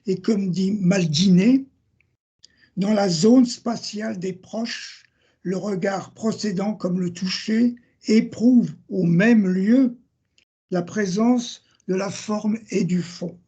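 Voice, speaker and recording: An older man delivers an academic seminar lecture, reading at a slow, deliberate pace from his notes. His voice is mellow and a little husky. He cites sources and page numbers as he goes, and the recording sounds dull and lo-fi. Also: high voice. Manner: measured reading, citing sources and page numbers, correcting himself.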